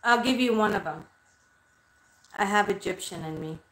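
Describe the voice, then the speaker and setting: A spiritual medium in her thirties chats casually on a livestream, rambling and cursing freely into a webcam at desk distance. Her medium-pitched voice moves at a moderate pace and sounds a bit bright. The small red-lit bedroom is echoey, and the recording is rough.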